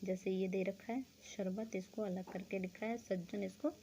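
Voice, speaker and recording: A woman's voice: medium pitch, fairly even intonation, normal speed, dark tone, a little hiss or hum. A woman teaching a school grammar lesson, explaining step by step, asking questions and answering them herself, checking in often with the class.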